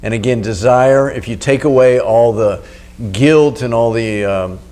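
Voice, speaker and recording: A man giving spoken meditation instruction as the teacher, in an unhurried, instructional way with pauses. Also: mid-range voice, warm tone. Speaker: meditation teacher and video host. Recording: noticeable background hum.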